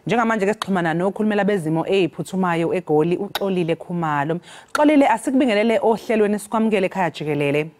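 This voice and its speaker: A woman's voice: medium pitch, animated, racing, darkish tone. A woman with a Zulu accent presenting and interviewing on a broadcast morning news show.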